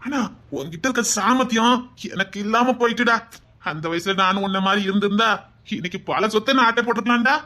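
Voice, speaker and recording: A man's voice: sits high, a little fast, sharp tone. A man playing a gloating older schemer. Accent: Tirunelveli Tamil. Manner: gloating, laughing often. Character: greedy older male schemer, cackling and crafty. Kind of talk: web drama acting.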